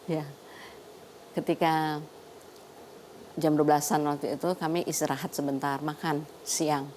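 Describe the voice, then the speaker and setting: An older woman with a low voice speaks as a guest in a TV studio interview. She tells her story in a lively way and laughs often. A faint hiss sits under her voice. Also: unhurried. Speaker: doctor and guest. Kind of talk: talk show interview.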